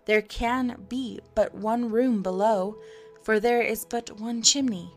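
A woman voicing a cruel, gloating pirate captain in a storybook, speaking slowly and theatrically through clenched teeth. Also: high voice, fairly even intonation, soft background music. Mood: scheming.

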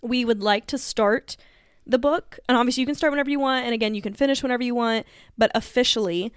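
Chatty woman podcast co-host, smooth voice. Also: fairly high pitch, fast, dry recording, studio quality. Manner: chatty, lots of fillers and laughs. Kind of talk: casual chat.

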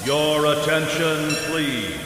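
A man making a slow, formal announcement over a PA system, each phrase measured and drawn out. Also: fairly high pitch. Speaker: park train announcer. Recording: echoey distant loudspeaker with loud music. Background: loud music.

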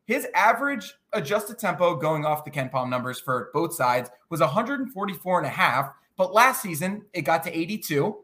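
A man with a fairly high voice hosts a college sports talk podcast. He moves through statistics and hands questions to his co-hosts. His pitch rises and falls a lot as he talks. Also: moderate pace, few pauses. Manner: animated, steers the segment through stats. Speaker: podcast host.

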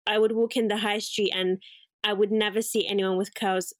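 Her voice mid-range and fairly flat in pitch, a young woman from England, a guest who runs a curly hair salon, reflects on her life in a relaxed interview. She speaks at a normal speed, wandering with fillers and correcting herself, and the recording is dry.

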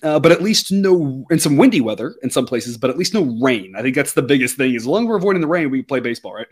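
A man's voice: medium pitch, animated, fast, husky. A man hosting a sports betting show in a conversational, wordy, explanatory way.

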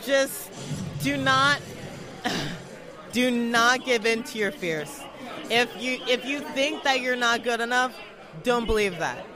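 A Floridian cosplayer is interviewed at a busy fan convention, with music and the crowd audible behind. Her voice sits on the high side, and she takes it slowly, pausing often. The chat is casual and excited; she is effusive, emphatic and keeps repeating her phrases.

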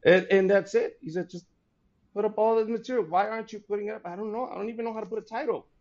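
A man in his forties, a comedian, chatting casually and telling stories in an animated, laughing way. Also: high-pitched, quick pace, muffled recording. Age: 40s. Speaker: comedian guest. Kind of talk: casual podcast chat.

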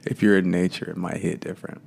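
A man's voice: sits low, little pitch movement, fast, vocal fry, darkish tone, slight background noise. A man giving a casual, meandering spiritual talk, full of fillers and loose asides.

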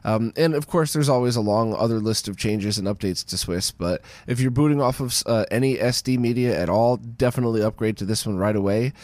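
A man with a hoarse, worn-out voice hosting a casual news roundup podcast. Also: on the low side, a little fast, hardly any pauses, a little mellow, dry recording. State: hoarse, voice strained from screaming at a concert. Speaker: podcast host.

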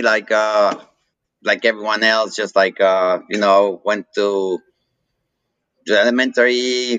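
A man's voice: on the low side, a bit bright, no echo, dull audio. A man with a Mexican accent, chatting casually as an interview guest and rambling with many fillers and restarts. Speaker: guest, coffee roaster.

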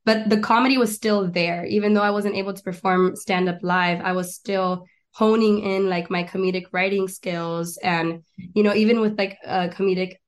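A woman's voice: mid-range voice, steady tone, moderate pace. Chatty young woman guest. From Miami and Argentina. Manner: chatty and eager, lists things, frequent restarts. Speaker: guest, actress and stand-up comedian. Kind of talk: casual interview chat.

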